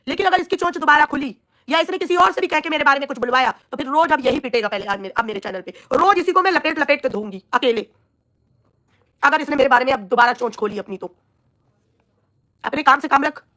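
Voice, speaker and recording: A woman's voice: high voice, bright, forceful tone. A woman with a scratchy, coughing throat ranting on a live stream, scolding and insulting a rival in a heated voice. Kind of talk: angry live-stream rant at viewers.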